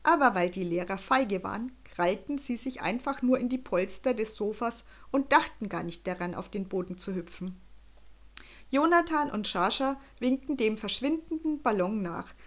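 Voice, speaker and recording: A woman narrating a children's story with a lively, expressive reading. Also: medium pitch, normal speed.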